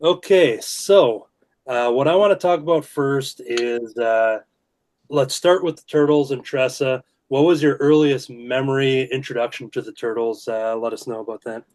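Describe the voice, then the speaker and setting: A man hosting a casual drawing show, talking in a relaxed way with frequent "uh" fillers. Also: mid-range voice, normal speed. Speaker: host. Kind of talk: casual video-call chat while drawing.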